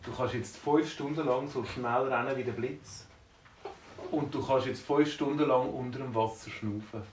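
A man playing a calm kindly wizard. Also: medium pitch, moderate pace, close to an everyday voice. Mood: patient. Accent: Swiss German. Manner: calm, patient explaining. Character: kindly old male wizard, explaining calmly. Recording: roomy, distant mic, faint noise.

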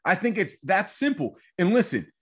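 A man's voice: high-pitched, very animated, moderate pace, a bit bright, husky. A man co-hosting a sports podcast, debating in a fired-up, rambling way and repeating himself as he talks. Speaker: podcast co-host.

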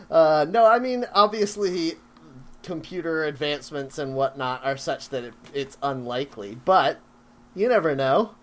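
Male podcast host over clear noise. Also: on the high side, lively intonation, moderate pace, a bit bright. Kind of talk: casual banter chat.

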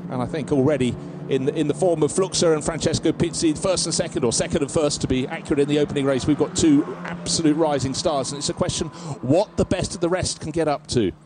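A man's voice: a little high, fast talker, noisy background. A man giving live race commentary as a motorsport commentator, mixing action calls with analysis and storytelling.

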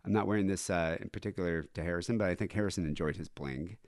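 A man's voice: low-pitched, fast talker, darkish tone, no room sound, studio quality. A man with a nasal voice hosting a casual, profane, rambling podcast conversation. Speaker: podcast host.

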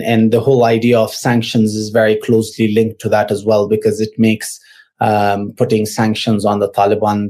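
A man's voice: fairly low pitch, a little mellow. A man from Afghanistan who teaches at a university, answering interview questions in a hesitant way with many fillers and restarts. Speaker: guest analyst.

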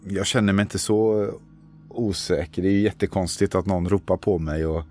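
A man's voice: low-pitched, steady tone, a little mellow. A man playing a tabletop role-playing game, describing his character's actions in a hesitant, stammering way while thinking aloud. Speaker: player. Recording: faint music behind.

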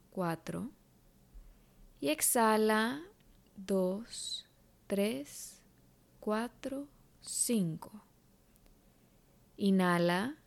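Woman slowly counting breaths in guided meditation. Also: mid-range voice, gravelly. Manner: gentle, unhurried counting with pauses. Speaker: meditation instructor.

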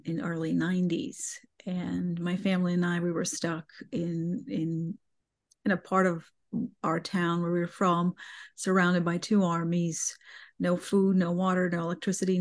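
Flat-voiced woman guest. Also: fairly low pitch. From Bosnia. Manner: measured, halting, with many fillers. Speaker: podcast guest. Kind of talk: personal interview storytelling.

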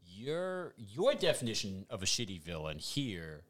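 A man co-hosting a casual podcast chat, animated and playful, swearing freely as he argues his point. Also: on the low side, a little slow. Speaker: podcast co-host. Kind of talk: casual chat ranking movie villains.

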